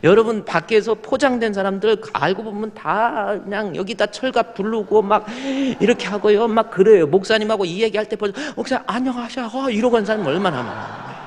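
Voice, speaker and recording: A man's voice: sits high, a little fast, few pauses. A man preaching a sermon as pastor, telling stories in a folksy way and acting out little scenes of his church members. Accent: Korean. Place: church sanctuary. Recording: long reverb of a large hall.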